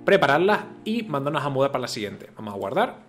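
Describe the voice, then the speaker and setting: A man's voice: medium pitch, very animated, quick pace, over music. A man, a gaming video host giving casual gameplay commentary, chatty and thinking aloud with repeated filler words.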